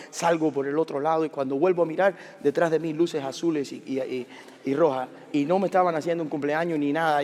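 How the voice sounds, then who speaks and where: A middle-aged man preaching a sermon as a pastor, animated, asking the congregation questions and telling personal stories. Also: fairly high pitch. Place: large church sanctuary. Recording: long hall reverb of a church.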